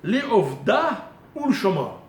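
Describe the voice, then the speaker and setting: Male rabbi giving a live lesson, slightly high-pitched, quizzing listeners; roomy echo. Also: very animated, slow. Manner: questioning listeners, explaining Hebrew grammar step by step. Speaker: rabbi teaching a Torah class. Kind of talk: live Torah lesson to a small audience. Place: room with a small live audience. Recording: echoey room recording with faint noise.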